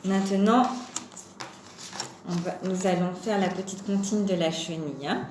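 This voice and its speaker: Slow, patient woman teacher, roomy echo. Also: on the low side, steady tone, a little mellow. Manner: slow, patient, sing-song teacher talk. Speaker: preschool teacher. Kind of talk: home-schooling lesson for young children. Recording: roomy echo with faint background hum.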